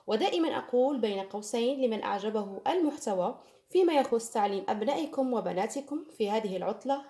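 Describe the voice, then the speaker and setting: Echoey, slow-spoken woman teaching French. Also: on the high side, a little mellow. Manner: slow, drawn-out French, quick Arabic explanations; repeats words and asks "d'accord?" often. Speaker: French teacher for young pupils. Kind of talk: bilingual lesson at a whiteboard. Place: room with a whiteboard. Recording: echoey room.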